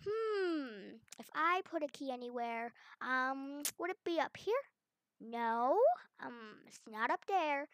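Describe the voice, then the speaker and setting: A woman hosting a gameplay video, chatty and excitable, talking to herself as she explores. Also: high-pitched, slow pace, a little hiss or hum. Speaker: gaming video host. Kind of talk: playful gameplay commentary.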